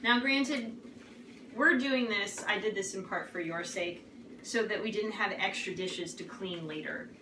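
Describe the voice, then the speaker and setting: A woman's voice: mid-range voice, unhurried. A chatty woman in her thirties talks through a recipe with plenty of fillers. She is picked up from across an echoey home kitchen, with noise behind her. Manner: chatty, instructive, lots of fillers. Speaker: cooking guide, co-host. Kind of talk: casual cooking show banter. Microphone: camera across the room. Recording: echoey kitchen from far off, noisy.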